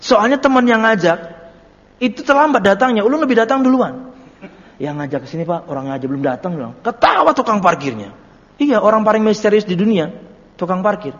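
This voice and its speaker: Joking preacher in a hall. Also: male voice, high voice, animated, fairly quick. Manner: chatty storytelling with jokes and laughter. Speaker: ustadz teaching a book study. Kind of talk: humorous sermon with anecdotes. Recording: dull audio in a reverberant hall.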